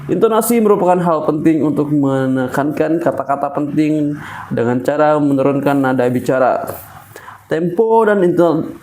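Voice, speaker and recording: A man's voice: on the high side, a little mellow. A young man practicing public speaking, reading a lesson from a book and breaking off now and then into casual slangy asides.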